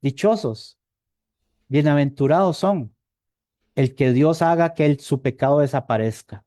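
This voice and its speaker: A man's voice: on the high side, unhurried, mellow, dry recording, clean studio sound. A man with a Costa Rican accent preaching a sermon in a conversational way, often checking in with his listeners and repeating words as he searches for them. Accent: Costa Rican Spanish. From Costa Rica. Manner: conversational, asks the congregation "¿verdad?" often. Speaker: evangelist preacher.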